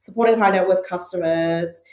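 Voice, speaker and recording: Recorded in an echoey room, a middle-aged woman from Malaysia and Hong Kong speaks at normal speed in a lowish, a little mellow voice. As a podcast guest in a conversational interview, she's thoughtful and frequently says um and uh.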